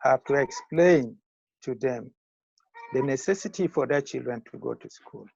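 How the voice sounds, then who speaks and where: A man in his sixties from northern Uganda, a school founder and retired teacher with a Ugandan accent, gives measured, formal answers in a video-call interview. His mid-range voice is husky and a little mellow, with vocal fry. The dry recording has muffled, lo-fi call audio.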